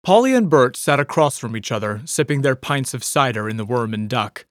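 Guy narrating an audiobook, even steady delivery, middle pitch, dead dry mic. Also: brisk, dry recording.

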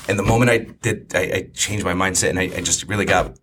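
A man's voice: low-pitched, fairly even intonation, fast talker, fairly bright tone, slight background noise. A man and life coach in casual conversation, speaking emotionally, swearing often and repeating words.

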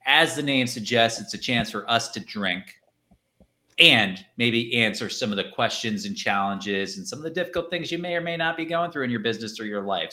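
A man's voice: mid-range voice, pushed and bright. A man hosting a casual live chat over drinks, chatty and jokey, often laughing. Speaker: podcast co-host. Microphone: livestream setup.

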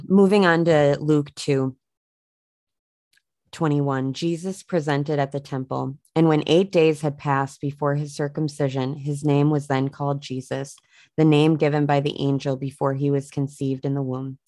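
A woman with a low, grounded voice reads Bible passages aloud as a show host. Between passages she speaks earnestly, pausing and filling gaps with "um" and "you know." The recording is close and dry. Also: fairly even intonation, dark tone, dry recording. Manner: earnest, halting with fillers when speaking off the cuff. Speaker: podcast host reading scripture. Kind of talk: Bible reading with informal reflection.

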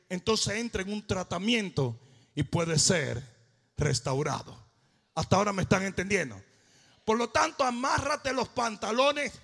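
Preaching man, shouted sung-out phrases, bright gravelly tone, echoing hall. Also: very high voice. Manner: fervent preaching, shouting and half-singing phrases. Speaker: pastor. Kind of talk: sermon. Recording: long hall reverb.

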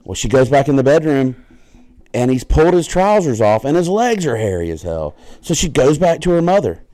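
A man's voice: mid-range voice, big pitch swings, fairly quick, mellow. A man with a Southern US accent co-hosting a casual podcast, swearing freely and telling a crude joke with rambling asides. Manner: crude, joking storyteller. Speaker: podcast co-host. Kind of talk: casual chat.

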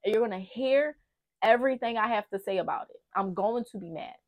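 A woman's voice, a little high and a little fast, belongs to a podcast host talking candidly about relationships. Her advice is blunt, profane, casual, and emphatic.

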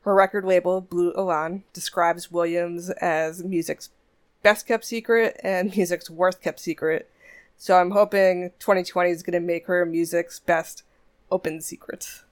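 A woman's voice: on the low side, steady tone, a little slow. A woman hosting a music podcast, chatting casually between songs with frequent laughs and asides. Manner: chatty, warm asides, laughs often, restarts.

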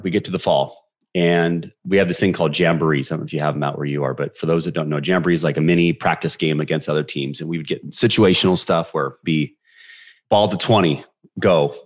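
Podcast guest, man in his 40s: very low, deep voice; brisk, animated storyteller. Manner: animated, quick storyteller who acts out quoted dialogue. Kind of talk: personal storytelling in a podcast interview.

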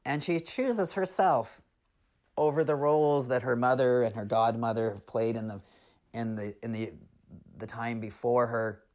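With a mid-range, darkish voice, a storyteller narrates a tale and reflects on it, earnest and unhurried.

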